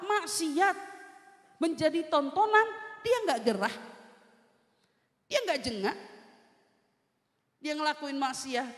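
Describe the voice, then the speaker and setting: A woman preacher gives an animated, teasing sermon to a women's study group, mixing everyday slang with Arabic phrases. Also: sits high. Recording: echoey hall with long reverb.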